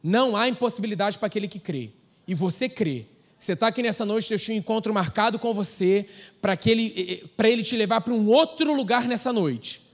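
A man with a Brazilian Portuguese accent preaching a sermon in a relaxed, slangy way, telling stories and laughing. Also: high voice, fairly quick. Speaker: pastor.

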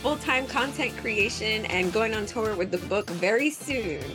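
Upbeat chatty woman guest, bouncy pitch, slightly high voice. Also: expressive, measured pace, music in the background. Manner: chatty, upbeat plugging her projects. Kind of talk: casual chat.

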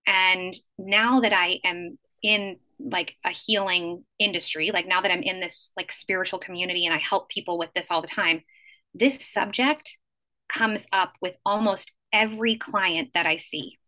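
A woman's voice: on the low side, fairly even intonation, normal speed, bright, forceful tone. A woman hosting a podcast, speaking earnestly about her work in a casual way with frequent fillers. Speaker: podcast host. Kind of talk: casual chat.

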